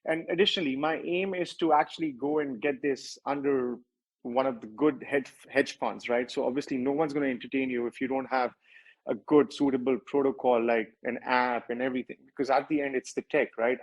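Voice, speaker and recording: A project founder with a strong Indian accent answers questions at length in a livestreamed interview, rambling, correcting himself often, and using many filler words. His medium-pitched voice is steady and fairly quick, captured in a low-quality recording.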